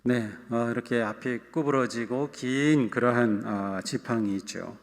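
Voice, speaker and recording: A male pastor giving a sermon in a church, relaxed and humorous, speaking directly to his congregation. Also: mid-range voice, measured pace. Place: church sanctuary. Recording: long church hall reverb.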